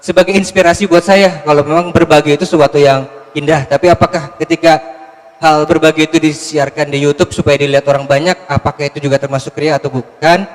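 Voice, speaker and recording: A man's voice: a little high, fairly even intonation, fast, big-room sound. A man from the congregation asking the preacher a question, hesitant and polite. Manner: hesitant, with fillers and restarts. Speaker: audience member asking a question.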